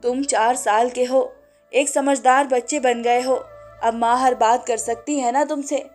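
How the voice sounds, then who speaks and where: A woman narrator voicing a gentle, sorrowful mother who speaks tenderly to her small child. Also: sits high, fairly even intonation, unhurried, soft background music.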